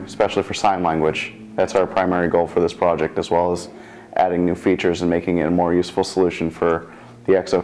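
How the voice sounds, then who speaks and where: A man's voice: low voice, darkish tone, slight background noise, low-quality recording. A man in his twenties speaking informally as a student developer in an interview, often rephrasing himself mid-sentence. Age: 20s. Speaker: computer science student developer. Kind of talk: informal interview about a project.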